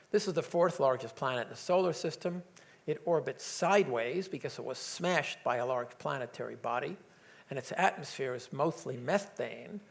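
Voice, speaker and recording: A man's voice: mid-range voice, creaky. A man giving a public science talk, enthusiastic and joking, with frequent hesitations. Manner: enthusiastic, joking, with many fillers. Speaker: lecturer.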